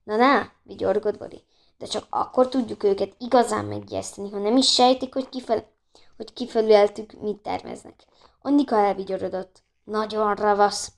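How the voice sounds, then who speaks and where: A woman's voice: mid-range voice, fairly even intonation, gravelly. A woman reading a children's book aloud, who often stumbles and restarts words. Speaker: audiobook reader.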